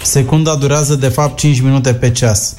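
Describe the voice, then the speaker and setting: A man narrating a comic story in the first person with dry, deadpan humor. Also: medium pitch. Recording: noisy recording.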